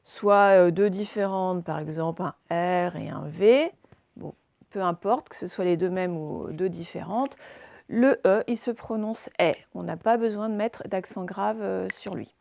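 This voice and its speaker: A woman schoolteacher talks young children through a reading and handwriting lesson, spelling out letters and guiding them patiently step by step with many small hesitations. Her voice has a gravelly, slightly creaky edge. The sound is dry and close, with no room echo. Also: lowish voice, measured pace, a little mellow. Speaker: primary school teacher.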